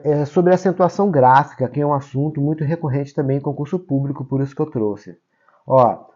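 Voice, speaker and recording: A man's voice: medium pitch, dark tone, dull audio. A Brazilian man teaching Portuguese grammar for exams, explaining step by step and checking in often with his students. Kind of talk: exam-prep grammar lesson.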